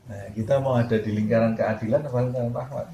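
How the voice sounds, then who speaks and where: A man's voice: mid-range voice, fairly even intonation, fast talker, dull audio. A man giving a sermon of Quran commentary, telling a story with Arabic quotes and rhetorical questions. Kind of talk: tafsir sermon. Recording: echoey room with faint background noise.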